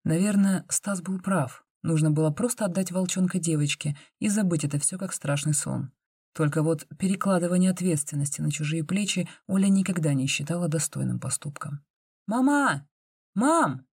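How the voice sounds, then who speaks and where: Female audiobook narrator, measured, low voice, close dry read. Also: dark tone, slightly rough, dry recording. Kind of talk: audiobook reading.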